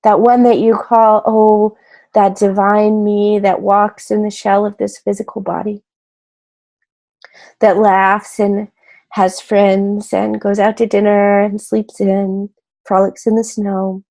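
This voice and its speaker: A woman leading a guided meditation in a gentle, soothing way, unhurried and pausing between short phrases. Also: medium pitch, level tone.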